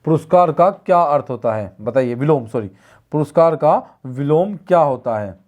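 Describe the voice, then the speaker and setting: A man leads an online exam-prep class in Hindi grammar, with a voice a little higher than most men's. He keeps asking a question, answers it himself and repeats the answer. His delivery is steady, patient and drill-like. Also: normal speed, muffled recording. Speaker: Hindi teacher.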